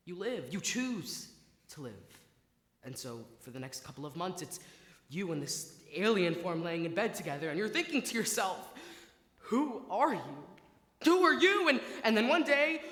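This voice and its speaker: An actor playing a wistful, chatty theatre fan who narrates to the audience, talking in a confiding, digressive way. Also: male voice, high voice, bright, forceful tone. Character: wistful, rambling middle-aged male theatre fan. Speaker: stage narrator. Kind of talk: stage musical acting. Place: theatre stage. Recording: echoey theatre hall.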